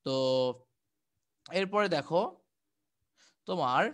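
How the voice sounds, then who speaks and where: A man's voice: fairly high pitch, slow, fairly bright tone. A young man from Bangladesh teaching a live online exam-prep class, chatty and repetitive, answering viewers' questions as he goes. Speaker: online tutor.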